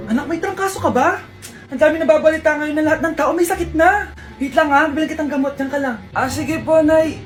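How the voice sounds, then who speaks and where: A woman acting out comedy skits, switching between a mother, her child and other characters. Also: very high voice. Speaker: comedy skit creator playing several roles. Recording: music playing behind.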